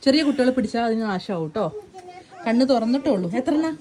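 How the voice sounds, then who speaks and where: A woman's voice: a little high, lively intonation, fast talker. A young woman, a vlogging mother chatting casually and laughing often. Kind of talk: casual family vlog chat. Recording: loud background noise.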